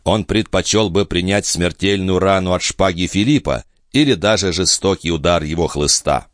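A man narrating a classic novel in a measured literary reading. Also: deep voice, dry recording, studio quality. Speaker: audiobook narrator. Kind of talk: scripted narration.

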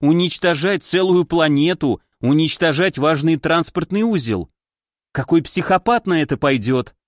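A man voicing a suspicious, prickly young woman in an audiobook, sharp and grumbling. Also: fairly high pitch, lively intonation, moderate pace, no room sound, studio quality, close to an everyday voice.

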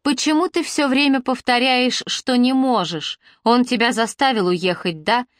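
A woman's voice: a little high, moderate pace, no room sound, studio quality, voice pushed up, close to an everyday voice. A woman voicing a worried, protective young man who pleads and grows agitated in a storybook reading. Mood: pleading.

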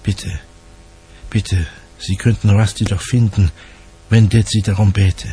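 A man's voice: fairly low pitch, steady tone, mellow, slight background noise, natural voice. A man voicing a haughty, spoiled rich woman. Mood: pleading. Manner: languid, sneering, quick to snap. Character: haughty wealthy young woman, spoiled and sharp-tongued. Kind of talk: dramatized audiobook reading.

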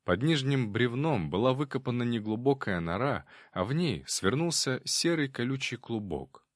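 A man reading an audiobook in calm, measured scripted narration. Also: medium pitch, no room sound, studio quality.

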